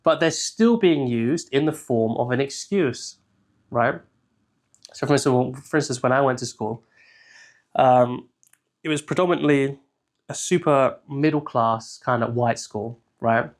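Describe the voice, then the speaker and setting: A young man from England talks through ideas as a coach in a relaxed, unscripted solo talk. His voice sits at an ordinary middle pitch, and he keeps checking in with his listener after almost every point. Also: unhurried. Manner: conversational, keeps checking in with "right?". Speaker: life coach. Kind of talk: casual solo teaching talk.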